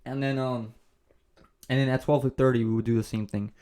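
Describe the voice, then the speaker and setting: A man's voice: medium pitch, steady tone, normal speed, warm tone. A man hosting a business vlog, talking casually to camera and repeating himself as he rambles. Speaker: host of a business channel.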